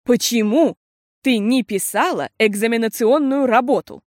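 A woman's voice: mid-range voice, animated, fairly quick, dry recording, studio quality, lightly acted. Woman voicing an earnest worried mother. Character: worried, steady mother of three girls. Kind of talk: audiobook character voice.

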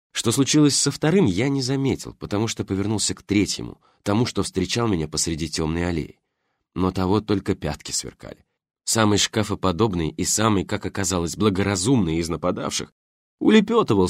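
A man reading a first-person story as an audiobook narrator, with an expressive storytelling delivery. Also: fairly low pitch, dry recording, studio quality.

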